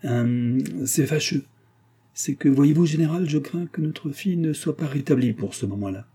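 A man's voice: fairly high pitch, moderate pace, dark tone, breathy edge, voice pushed up. Karsdorff, a man voicing a timid old father. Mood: hesitant. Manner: hesitant and placating. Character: timid, kindly old father, embarrassed and hesitant. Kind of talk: audiobook reading.

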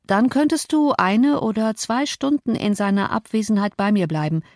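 A woman's voice: mid-range voice, expressive, moderate pace, a little mellow, no room sound, clean studio sound, lightly acted. A woman reading an audiobook, voicing a sickly, petulant teenage boy who whines and taunts. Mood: pleading. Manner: whiny and taunting.

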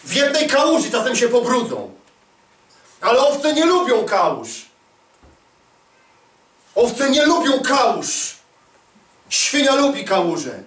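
A man's voice: very high voice, fairly bright tone, recorded from a distance. A man preaching an emphatic sermon, repeating lines and calling for answers from the crowd. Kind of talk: charismatic sermon. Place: large hall at a church conference. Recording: echoey hall, voice away from mic.

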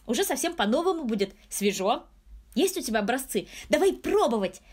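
A woman voicing an excitable lightning spirit. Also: a little high, fairly quick, pitched above the performer's own voice. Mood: excited. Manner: eager, chattering. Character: male lightning spirit, excitable, playful joker.

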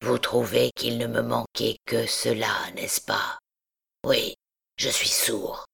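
A woman voicing a deformed, deaf hunchbacked man, speaking in a rough voice kept very soft and half-whispered. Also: very deep voice, little pitch movement, takes it slowly, voice pushed down, heavily acted. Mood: sorrowful. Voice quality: rough voice spoken very softly. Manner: hushed, half-whispered pleading. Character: deformed deaf hunchbacked male bell-ringer, timid and sorrowful.

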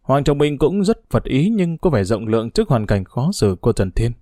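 A man narrating a novel aloud in a steady storytelling voice. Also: mid-range voice, moderate pace, dry recording, clean studio sound.

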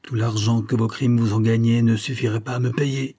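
A man voicing a burly, hoarse peasant who rants with hatred and threatens to kill. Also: mid-range voice, flat delivery, moderate pace, close to an everyday voice. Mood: furious. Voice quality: hoarse, harsh. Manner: ranting, menacing, shouting curses. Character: hoarse vengeful rough male peasant, burly, full of hatred.

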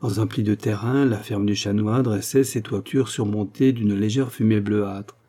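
A man reading a novel aloud as narrator, steady and measured. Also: fairly low pitch. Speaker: audiobook narrator.

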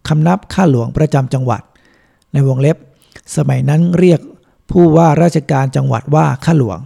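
Male monk reader, calm measured audiobook narration, gravelly and mellow, a bit high. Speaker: monk reading a book aloud. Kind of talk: audiobook reading.

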